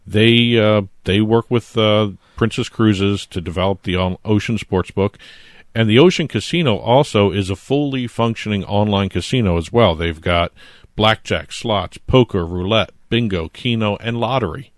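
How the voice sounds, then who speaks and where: A man's voice: fairly low pitch, moderate pace, no room sound, clean studio sound. A man with a New Jersey accent co-hosting a casual podcast, explaining at length with plenty of fillers. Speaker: co-host, trademark attorney.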